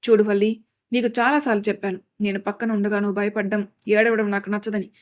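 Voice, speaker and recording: A woman's voice: mid-range voice, flat delivery, fast talker, close to an everyday voice. A woman voicing a devoted young man who firmly reassures the woman he loves. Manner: reassuring, firm.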